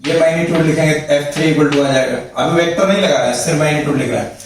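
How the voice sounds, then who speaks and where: A man's voice: on the high side, rapid-fire, a little hiss or hum. Echoey male teacher explaining at the board. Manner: explains step by step, repeats points, checks with "thik hai". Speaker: physics teacher. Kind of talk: classroom lecture at a board. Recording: very echoey room, mic far off.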